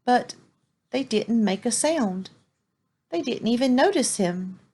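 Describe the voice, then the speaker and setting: Brief: female storyteller, slightly high voice, clear and expressive read-aloud for kids. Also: takes it slowly.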